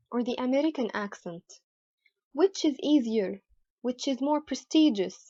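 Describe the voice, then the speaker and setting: Female pronunciation tutor, measured and deliberate, a touch high, lo-fi dry recording. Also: a little mellow, no room sound. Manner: carefully repeats model words for practice. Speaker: English pronunciation teacher. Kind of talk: slow, deliberate teaching explanation. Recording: dull, slightly lo-fi dry sound.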